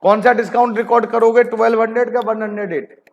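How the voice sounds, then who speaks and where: Male commerce tutor with a high voice, live online class, keeps quizzing students and coaxing answers, reads figures aloud slowly. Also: fairly even intonation, lo-fi sound, slight background noise. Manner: coaxing students with repeated questions; calls students "beta ji". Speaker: commerce teacher.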